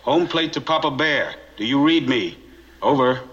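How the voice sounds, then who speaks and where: A man's voice: mid-range voice, moderate pace. A man playing a radio operator, heard over a radio set as he repeats formal call signs. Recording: muffled old TV audio with noise.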